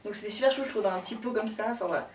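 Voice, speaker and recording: A woman's voice: mid-range voice, very fast, recorded from a distance, background noise. Gushing young woman vlogger, echoey room. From Switzerland. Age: young adult. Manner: gushing, slangy, full of fillers. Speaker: beauty vlogger. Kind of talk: casual haul chat to camera.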